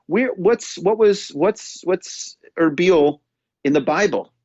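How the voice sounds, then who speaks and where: A man's voice: sits high, slow pace, no room sound. Rambling New York man, dry and muffled. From New York State. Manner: rambling, animated, many restarts and stammers. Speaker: podcast co-host. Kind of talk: casual conversational chat. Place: London.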